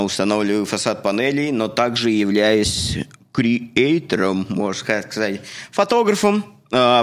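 A man in his thirties from Russia co-hosts a relaxed podcast chat. His voice sits low, and he talks earnestly, rambling along with fillers and restarts. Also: smooth. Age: 30s. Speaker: podcast co-host. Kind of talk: casual chat.

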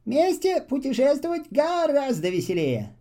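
A cheerful little storybook traveler who chirps his eager exclamations in a very high, squeaky voice, which a man puts on. His delivery bounces with lively pitch swings and carries a warm tone. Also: normal speed, exaggerated voice. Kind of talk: children's storybook reading.

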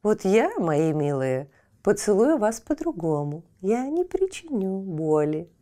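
Woman voicing a prim, gentle water spirit. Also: medium pitch, very animated, measured pace. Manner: haughty then soothing.

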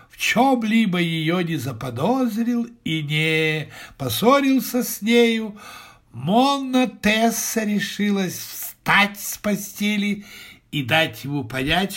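A man reading a classic tale aloud in measured, expressive scripted narration. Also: high voice. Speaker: reader.

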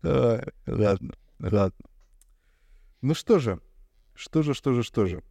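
A man's voice: medium pitch, animated, slow, creaky, dark tone, dry recording. A man hosting a podcast, asking questions in a casual, teasing way. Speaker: podcast host. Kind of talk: casual conversation.

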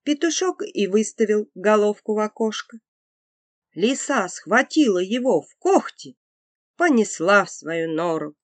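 Expressive woman telling a fairy tale. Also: mid-range voice, a little slow, no room sound. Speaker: storyteller. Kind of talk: scripted fairy-tale narration.

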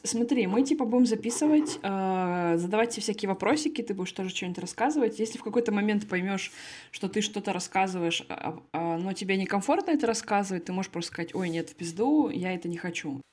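Woman, quick pace, medium pitch, podcast host, blunt, informal, sweary, casual comedic chat. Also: animated, a little mellow.

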